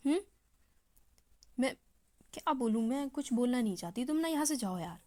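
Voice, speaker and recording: A woman's voice: medium pitch, unhurried, close to an everyday voice. A woman doing a sulky, snapping young woman. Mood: angry. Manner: sharp, resentful, snapping. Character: headstrong young woman, sulking and angry.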